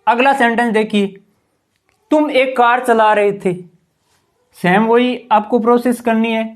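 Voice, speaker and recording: A male teacher walks through an English grammar lesson at an even, patient pace. He keeps quizzing his listeners with rhetorical questions, and his sentences tend to sink lower and quieter at the ends. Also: measured pace. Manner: patient, keeps asking the class rhetorical questions and saying "ठीक है". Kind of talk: explanatory classroom lesson.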